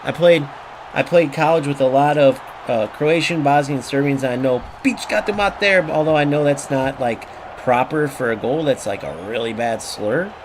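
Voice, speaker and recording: In a mid-range voice at a moderate pace, a man livestreams football and trash-talks his opponents in profane, ranting commentary. The recording carries clear background noise.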